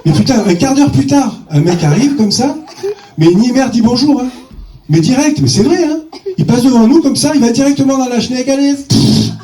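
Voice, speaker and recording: Male stand-up comic, bawdy punchy storytelling, high voice with wild swings, echoey venue, distant mic. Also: expressive, moderate pace, mellow. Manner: bawdy, punchy delivery with sudden voice jumps. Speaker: stand-up comedian. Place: comedy stage.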